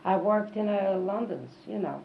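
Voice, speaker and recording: An elderly woman reminisces in an interview, halting and repeating phrases for emphasis. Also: mid-range voice, vocal fry. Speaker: oral history interviewee. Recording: dull, lo-fi tape with faint noise.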